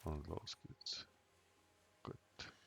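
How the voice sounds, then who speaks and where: A man talking in a flat, emotionless monotone while clicking through game menus and mumbling to himself in a let's play. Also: extremely slow, a little hiss or hum. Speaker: gamer. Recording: dull lo-fi mic, faint game music behind.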